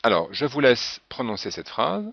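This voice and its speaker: A man's voice: medium pitch, sing-song, normal speed, gravelly, fairly bright tone, dry recording. A man teaching a French pronunciation lesson, patiently spelling out example words one by one. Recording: dull, dry lo-fi recording.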